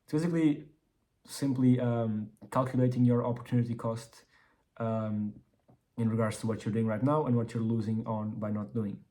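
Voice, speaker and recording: Speaking at a moderate pace with a steady tone and mid-range voice, a mellow entrepreneur vlogger gives a casual business update. His braces cause slightly impeded articulation. His talk wanders, with words repeated and restarted.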